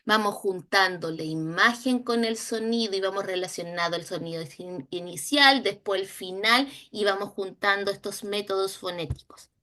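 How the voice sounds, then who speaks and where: A Chilean woman teaching a recorded training lesson on early reading, slowly sounding out letters and syllables. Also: mid-range voice, pushed and bright. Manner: slow, drawn-out modeling of sounds and syllables. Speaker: instructor.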